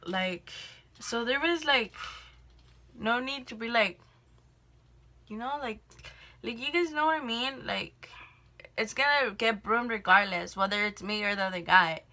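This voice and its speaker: A young woman with a bright, forward voice rambles through a casual storytime vlog. Her talk is loose and full of fillers, with frequent swearing. She is recorded indoors on a simple camera mic. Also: on the high side, lively intonation, measured pace, long pauses. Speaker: vlogger telling a work story. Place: indoors at home, doing makeup.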